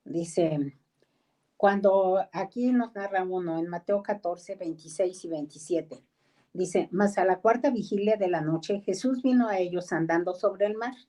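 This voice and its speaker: A middle-aged Mexican woman teaching scripture to a group on a video call. She speaks at an ordinary pitch for a woman, in a plain conversational manner, and acts out the people in the stories she tells. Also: dark tone, low-quality recording. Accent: Mexican Spanish. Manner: conversational, acts out quoted voices, pauses to ask people to mute. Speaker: discipleship teacher. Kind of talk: online Bible class teaching.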